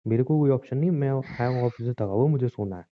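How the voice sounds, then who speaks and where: A man's voice: medium pitch, quick pace, no room sound. A young man in a scripted comedic skit, playing an exasperated husband who grumbles and teases. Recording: tinny phone-call audio.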